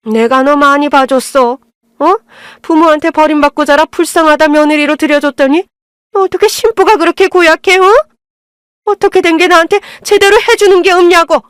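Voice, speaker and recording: A woman reading as a shrieking older mother-in-law in a radio drama, her voice climbing high and sharp as she berates her daughter-in-law. The sound is dry and close, with no room around it. She turns from scolding to wailing self-pity. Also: normal speed, no echo, lightly acted. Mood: resentful.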